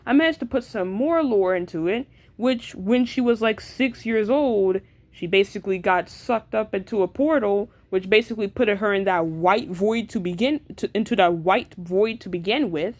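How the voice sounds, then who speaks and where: A woman with a mid-range, darkish voice casually explains the backstory of characters she created, talking at normal speed with few pauses. Her delivery rambles, full of filler words, and she often stutters and restarts.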